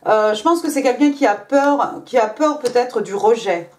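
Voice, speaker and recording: A tarot card reader gives a casual reading in a fairly high, animated voice at a moderate pace, over a noisy background. She chats along with many fillers and little "hein" tags, switching to English for the card text.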